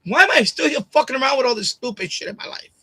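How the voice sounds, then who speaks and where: A man's voice: very high-pitched, expressive, rapid-fire, bright, forceful tone, slightly rough, no echo. A man in his late fifties, a livestream host, ranting about his family in a rambling, profane way, repeating phrases and pushing his voice up when upset, into a desk microphone at home. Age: 50s. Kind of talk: emotional personal rant. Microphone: desk USB condenser microphone.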